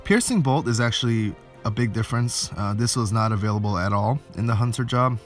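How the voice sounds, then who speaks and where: Speaking briskly in a lowish voice, a man narrates a casual game walkthrough indoors over game footage. As the host of a gaming video, he explains things and thinks aloud, with game music in the background.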